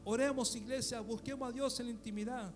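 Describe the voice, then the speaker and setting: High-voiced Rioplatense pastor preaching. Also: male voice, steady tone, a little fast, soft background music. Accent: Rioplatense Spanish. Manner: preaching with rising, shouted peaks and rhetorical questions. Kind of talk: sermon.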